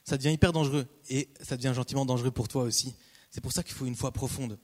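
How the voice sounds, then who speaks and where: A man preaching a casual, conversational sermon, repeating key phrases and breaking off into lively asides. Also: mid-range voice, fast talker. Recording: long hall reverb.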